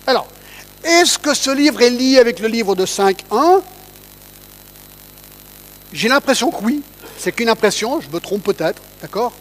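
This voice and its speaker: A man gives a conversational Bible teaching, reading verses aloud and asking listeners to check in often. His very high-pitched voice is expressive and fairly bright, a little slow, with long pauses. The audio quality is poor.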